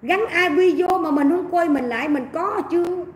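A woman's voice: very high voice, moderate pace. Brief: mocking Southern Vietnamese woman livestreamer, chatty commentary, roomy sound with faint hiss. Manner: chatty, gossipy, mocking, addresses viewers as family. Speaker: livestream host. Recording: echoey room.

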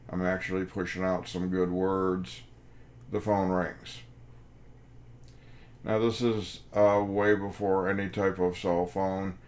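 A man in his fifties lectures like a professor, spinning a wry anecdote. His voice sits low, and he takes his time. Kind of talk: storytelling lecture.

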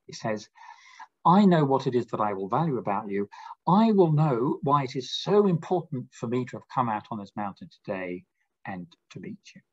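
A man giving a lecture, reading verse slowly and then explaining it with emphatic pitch jumps. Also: sing-song, husky, dull audio. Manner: slow deliberate recitation of quoted verse.

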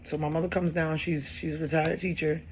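A woman in her thirties recounts her own story in casual, animated speech, leaning on repeated phrases to drive each point home. A faint ambient hum sits quietly under her voice. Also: low voice, fairly quick. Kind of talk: personal storytelling.

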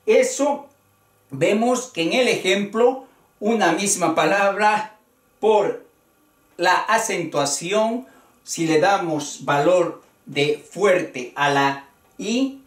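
A Spanish teacher giving a spoken grammar lesson, talking deliberately and counting out syllables one by one. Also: medium pitch, fairly bright tone, distant mic. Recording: echoey room, voice away from the mic.

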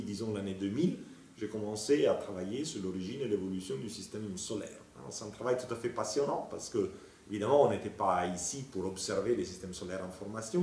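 A man, thoughtful and explanatory, pausing now and then to find his words. His voice sits low, and the recording carries the echo of an office lined with bookshelves, picked up from a distance off the mic. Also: slight background noise. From Italy. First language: Italian. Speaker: planetary scientist. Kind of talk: interview monologue. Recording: roomy, from off-mic.

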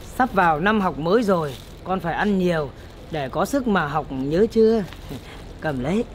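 A woman's voice: on the low side, animated, normal speed, slight background noise, close to an everyday voice. A woman playing a kind middle-aged neighbor, polite and sympathetic. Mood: kindly.

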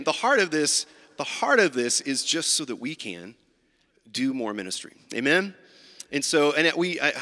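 During a church service, a male pastor handles announcements and prayer in a casual way, stumbling with fillers and restarts. His bright, forward mid-range voice echoes with a long reverb through a large sanctuary, as heard on a livestream.

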